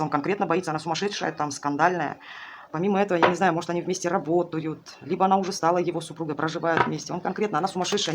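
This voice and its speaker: A tarot reader in a casual, colloquial flow, questioning the cards out loud and answering back at a middling pitch. A steady hiss and clicks sit under the voice throughout the recording. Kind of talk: casual tarot reading to camera.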